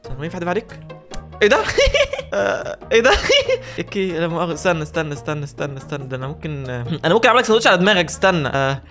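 Racing through his let's play of a horror game, an Egyptian Arabic-accented host speaks in a torrent, his voice a bit high. He jokes, gets excited, and answers the characters on screen while faint music plays underneath.

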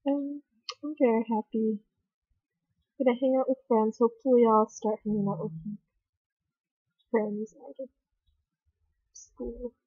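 A young woman chats to her camera with a bubbly, rambling energy. She slips into giggly, dramatic asides, and her voice sits a little high. The recording is dull and lo-fi, with muffled highs. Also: fairly even intonation, measured pace, long pauses, slightly rough, dry recording. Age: young adult. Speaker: vlogger. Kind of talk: casual chat. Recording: dull lo-fi webcam audio.

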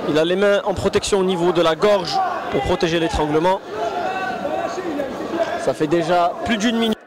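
A male fight commentator with a very high-pitched voice describes the action live. He repeats and builds on his own phrases, with a loud crowd all around him. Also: moderate pace. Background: loud event crowd.

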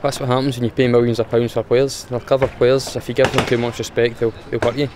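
A young Scottish footballer answers post-match questions outdoors in a matter-of-fact way, his pitch staying flat and even. Faint traffic and outdoor noise sit behind his voice. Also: fast talker. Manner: plain, matter-of-fact, restarts with fillers. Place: outdoors in front of a sponsor board.

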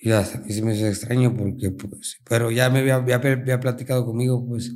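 A man with a Mexican accent, a bull rider talking casually in an interview, telling stories in animated, slang-filled speech. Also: medium pitch, fast talker. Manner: colloquial, animated storytelling with slang.

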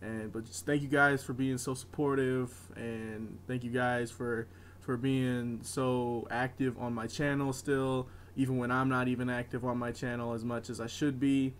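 A man's voice: mid-range voice, level tone, moderate pace, slight background noise. A man who is sick, chatting casually and apologetically to viewers of his gaming videos, with lots of fillers.

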